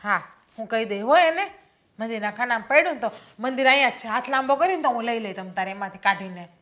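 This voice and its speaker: An actress playing a quarrelsome, sarcastic daughter-in-law in a stage play, speaking. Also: female voice, a little high, expressive, fast talker, a bit bright. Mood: scornful. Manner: taunting, sarcastic, scolding. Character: quarrelsome scornful young wife and daughter-in-law. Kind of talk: Gujarati stage-play acting.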